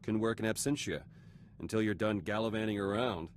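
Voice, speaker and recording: An actor playing a curt, ambitious politician in a video game, speaking in terse, clipped phrases with cold self-assurance. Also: male voice, on the low side, brisk, a little hiss or hum, natural voice. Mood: matter-of-fact.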